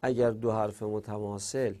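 A man teaching a grammar lesson, speaking deliberately and drawing out the example words. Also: on the low side, steady tone, dark tone.

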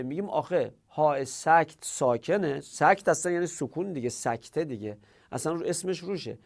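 A man teaching Arabic grammar and recitation in a classroom lecture, asking questions and answering them himself and repeating words slowly to show pronunciation. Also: fairly high pitch, darkish tone.

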